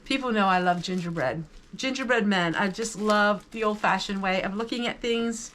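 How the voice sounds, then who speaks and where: Speaking at normal speed in a mid-range, fairly bright voice, a woman hosts a vlog and casually chats with viewers about the items she displays. She comes across as enthusiastic and appreciative, with slight background noise in the recording.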